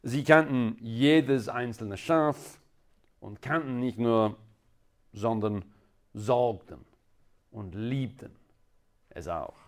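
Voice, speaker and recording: Preaching a sermon as a guest, a man from England speaks in a medium-pitched voice with an English accent. He is a native speaker of English, yet his delivery is halting and deliberate, like a non-native speaker's.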